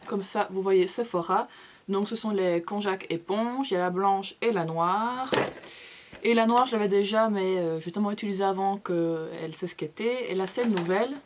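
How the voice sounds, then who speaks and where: A woman's voice: mid-range voice, moderate pace, noisy background. A young woman vlogger in a casual haul video, chatty and gushing, with playful asides to her viewers. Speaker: beauty vlogger.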